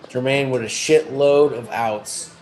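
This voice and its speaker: Man, mid-pitched voice, casual poker commentary, offhand, blunt delivery. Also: measured pace, a crowd in the background.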